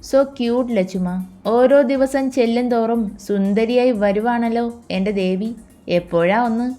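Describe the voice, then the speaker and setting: A woman voicing a confident young man in a romance audiobook, speaking in a slow, teasing way. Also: on the high side, mellow, faint music behind, lightly acted.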